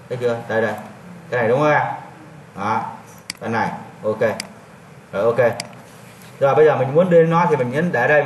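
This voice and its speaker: A man's voice: medium pitch, a little hiss or hum. Male teacher, classroom lesson, repeats steps aloud while clicking; voice at a distance in an echoey room. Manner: repetitive, talks while clicking through steps.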